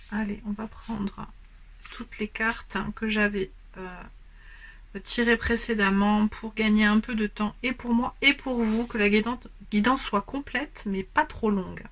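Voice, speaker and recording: A woman talks through a tarot card reading at an unhurried, unrushed pace. She explains gently and stops often for hesitant fillers. She speaks to a camera on a stand. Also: mid-range voice. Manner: hesitant, many filler pauses. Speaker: tarot and oracle card reader. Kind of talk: spoken card-reading guidance.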